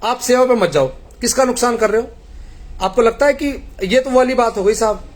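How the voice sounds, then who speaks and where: A man's voice: very high-pitched, normal speed. A middle-aged man from India earnestly pleading with a congregation, telling parables in a devotional appeal.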